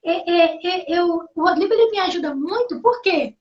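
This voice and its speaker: A woman hosting a faith livestream, sharing a personal testimony in an earnest, halting way with many restarts. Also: very high voice, lively intonation. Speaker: host. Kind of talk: live testimony. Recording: muffled lo-fi livestream audio.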